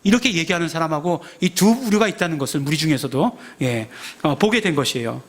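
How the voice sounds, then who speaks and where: A man's voice: fairly high pitch, expressive, fast talker. A man preaching a sermon as pastor, in a conversational manner full of rhetorical questions and acted-out quotes. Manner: acts out shouted quotes of the crowd. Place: church sanctuary.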